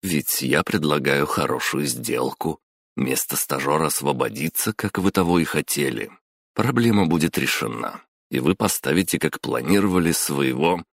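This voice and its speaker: A cocky young trainee who talks calmly, with a menacing edge underneath, as a male audiobook narrator voices him. The voice is extremely deep and gravelly, recorded dry and close. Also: moderate pace, no echo, heavily acted. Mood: calm, smug. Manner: calm and smug, turning cold and menacing.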